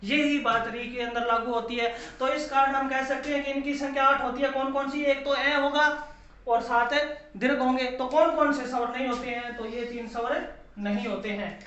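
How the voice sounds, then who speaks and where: A man's voice: very high voice, steady tone, normal speed, a bit bright. A male teacher giving a classroom lecture, asking his own questions and repeating key phrases, sometimes drawing out vowels to show them. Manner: drawls long vowels to demonstrate. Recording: echoey room, dull lo-fi sound.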